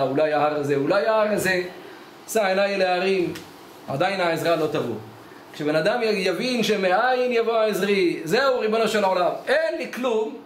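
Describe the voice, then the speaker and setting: A rabbi with a high voice delivers his weekly Torah lesson as a storytelling sermon in a study hall, acting out the dialogue of his tale. A little hiss or hum sits on the recording, and the echoey hall carries faint ambience.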